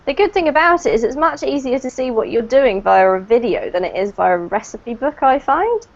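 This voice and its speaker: A woman's voice: a little high, animated, a little fast, dull audio. A woman from the UK who lives in New Zealand, teaching an online English class in a friendly way and laughing often. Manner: friendly, laughs often, talks over students. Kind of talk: casual online class chat.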